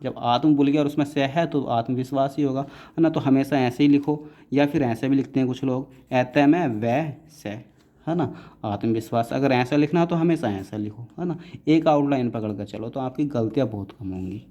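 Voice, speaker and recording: Guy teaching shorthand, mellow voice, kinda muffled lo-fi audio, keeps checking "है ना". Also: medium pitch, normal speed. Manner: patient, repeats "है ना" often, calls students "बेटा". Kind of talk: classroom lesson explaining writing rules.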